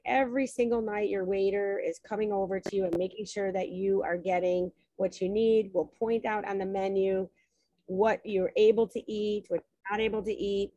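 On a video call, a woman hosts a travel webinar, chatting through a shared screen as she presents travel packages, with many ums and restarts. Her voice is medium-pitched and dark-toned, captured in a dry, low-quality recording.

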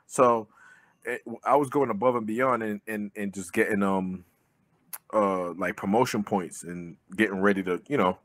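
A man's voice: on the low side, steady tone, normal speed, fairly bright tone, no echo. A man, talking loosely over a video call as an interview guest, with plenty of fillers and swearing. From born in Jamaica, raised in Brooklyn. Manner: loose, conversational, swears freely, many fillers. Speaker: guest, army veteran and pro boxer. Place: living room indoors. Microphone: webcam with earbuds.

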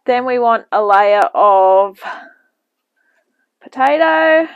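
A woman's voice: fairly high pitch, lively intonation, extremely slow, no room sound, phone-quality sound. A woman hosting a home cooking demonstration, talking casually with rambling asides as she works, heard from a camera in a home kitchen. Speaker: cooking show host. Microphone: camera mic, off-screen speaker at the bench.

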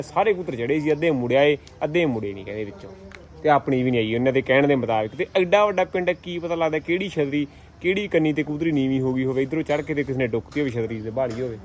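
A man with a Malwai Punjabi accent giving casual vlog commentary outdoors, complaining bluntly in rough village banter and repeating his words. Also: on the high side. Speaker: vlogger at pigeon-flying contest. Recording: noisy outdoor village ambience.

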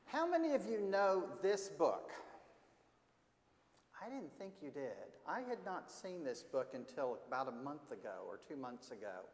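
A man reading a picture book to children during a church service, animated and often asking them questions. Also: on the high side. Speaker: leader of a children's message in church worship. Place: church sanctuary. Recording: echoey church hall.

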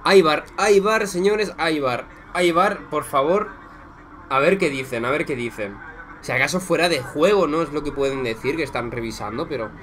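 Excitable young Spanish man reacting to football. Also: fairly high pitch, noisy background. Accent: Spain Spanish. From Spain. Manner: excitable, swings between shouting at goals and muttering; casual and profane, talks to viewers as friends. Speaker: YouTuber reacting to a football match. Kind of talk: live match reaction commentary.

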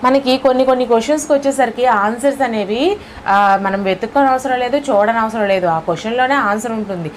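A woman with a Telugu accent walks through exam questions in a patient step-by-step lesson, often asking "okay?". Her voice sits lower from early morning, and faint noise hums behind her. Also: fast talker. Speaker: exam prep teacher.

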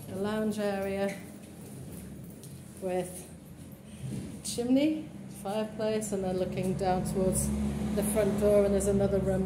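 Here a woman estate agent with a medium-pitched voice films a walkthrough of an empty, run-down townhouse on a handheld phone, plainly pointing out what it offers. The rooms are bare and echoey, with faint ambience and a noisy background.

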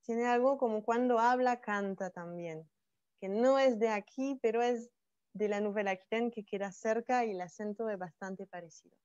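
A woman's voice: on the high side, moderate pace, a little mellow, smooth, no room sound, dull audio. A woman from France teaching a bilingual online class, explaining each French phrase again in Spanish.

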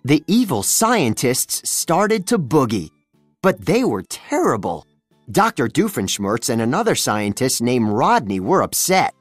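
A narrator reading a children's storybook aloud, with expressive storytelling. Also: mid-range voice, unhurried, dry recording, faint music behind. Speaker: storybook reader.

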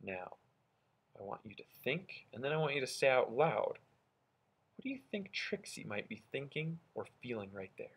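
A male elementary school teacher reading aloud and explaining a lesson to children, expressive and thinking out loud, with a husky voice. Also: medium pitch, normal speed, poor audio. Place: indoors at a school, at a wooden desk.

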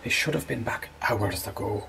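A man's voice: lowish voice, moderate pace, vocal fry, pushed and bright, a little hiss or hum. A man doing a brusque Irish pirate captain woman. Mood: impatient. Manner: brusque, demanding, swearing. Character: short fiery red-haired female pirate captain.

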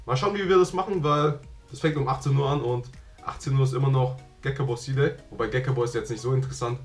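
A young man vlogging casually, chatty and slangy, filming himself with a camera held at arm's length on a city street at night. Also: medium pitch. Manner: chatty, laughs often, slangy. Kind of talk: casual vlog chat. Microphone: action camera held at arm's length.

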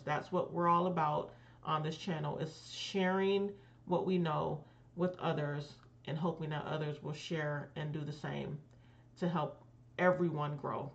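A woman's voice: low-pitched, muffled recording. A woman with a lisp from braces on her teeth, speaking as a consultant and channel host giving a casual recommendation. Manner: careful effort to articulate clearly.

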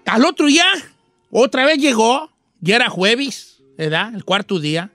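High bright Mexican storyteller. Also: male voice, very animated, measured pace, no room sound, faint music behind. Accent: Mexican Spanish. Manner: chatty, slangy, adds sound effects. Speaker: radio host. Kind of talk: comic folksy storytelling.

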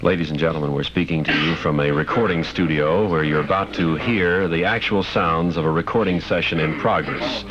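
A man hosting a radio comedy show, joking and mock-announcing in a dry, mock-formal way, heard on an old lo-fi radio recording. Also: low-pitched. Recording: dull old radio recording with crowd noise.

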